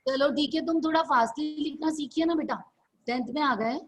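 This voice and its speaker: A woman teacher dictating answers slowly in an online class over a video call, repeating each phrase for her students. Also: high voice, poor audio. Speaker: school teacher.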